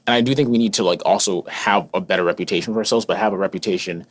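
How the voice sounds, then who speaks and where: A man co-hosting a podcast, chatting casually in a rambling, animated way with many fillers. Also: sits low, racing, a little hiss or hum. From born in Queens, raised in Albany, New York. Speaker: podcast co-host.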